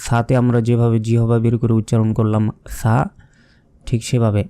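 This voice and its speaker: A man's voice: mid-range voice, monotone, dark tone, clean tone. Patient man teaching letter sounds. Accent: Bangladeshi Bengali. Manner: patient, repeats each letter sound slowly. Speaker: Quran reading teacher. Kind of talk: step-by-step recitation lesson.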